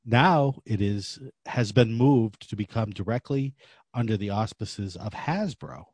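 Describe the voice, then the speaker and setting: A man hosts a podcast in a casual, conversational way. His voice sits on the low side with a husky edge, and the sound is dry. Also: unhurried, darkish tone, no echo. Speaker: podcast host.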